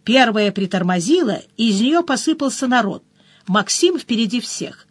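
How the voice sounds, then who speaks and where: A woman narrating a first-person audiobook in a brisk storytelling manner, with short dips into other characters' voices. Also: on the high side, lively intonation, slightly rough, no room sound.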